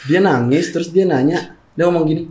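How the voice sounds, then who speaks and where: A man's voice: fairly high pitch, fairly quick, darkish tone, roomy sound. A young man with telling a story casually, repeating phrases and acting out quoted lines. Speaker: guest.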